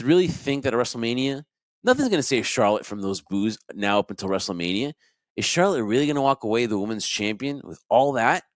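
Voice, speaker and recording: A man co-hosting a podcast, chatting casually about wrestling in a rambling, animated way. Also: fairly low pitch, no room sound, clean studio sound. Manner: animated, rambling, laughs often. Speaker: podcast co-host.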